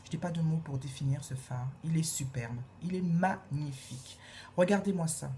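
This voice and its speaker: A woman reviewing makeup in a casual, gushing way, repeating her praise and filling pauses with hesitations. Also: deep voice, dark tone, a little hiss or hum. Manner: gushing, repeats praise words, many fillers. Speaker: beauty vlogger.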